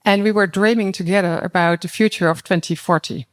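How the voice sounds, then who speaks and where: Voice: medium pitch, fairly even intonation, fairly quick. A panelist telling of their work in plain, short sentences, engaging listeners with questions. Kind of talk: panel discussion, storytelling.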